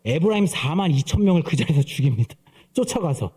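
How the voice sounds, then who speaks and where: Animated, high-pitched Korean pastor preaching. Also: male voice, fast talker, husky. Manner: lively storytelling with playful mimicry of voices. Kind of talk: sermon. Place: church sanctuary.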